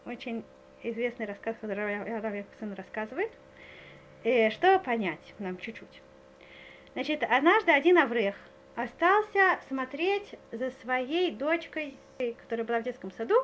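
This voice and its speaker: A woman lecturer gives a story-filled spiritual talk in a somewhat bright, high-leaning voice, with slight background noise. She is earnest, frequently checks that listeners are following, and hesitates with many filler sounds.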